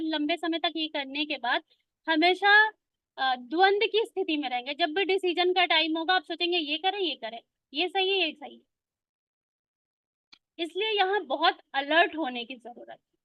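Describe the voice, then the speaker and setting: A woman's voice: extremely high pitch, dry recording, highs cut off. A woman giving a conversational spiritual talk, explaining ideas patiently and mixing English words into her speech. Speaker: spiritual speaker.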